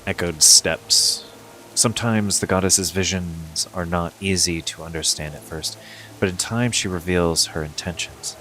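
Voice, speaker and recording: A man's voice: deep voice, a little slow, sharp tone, faint music behind, poor audio. A man reading video game quest dialogue aloud with casual asides.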